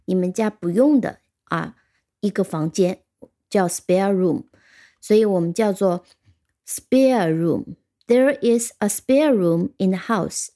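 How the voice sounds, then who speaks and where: Mellow-voiced woman teaching English words. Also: medium pitch. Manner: slows down and spells out English words. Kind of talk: recorded vocabulary lesson.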